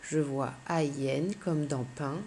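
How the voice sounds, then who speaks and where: A woman teacher giving a slow, clear phonics lesson to young children, patiently spelling out letters one by one. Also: sits low, steady tone, darkish tone, a little hiss or hum.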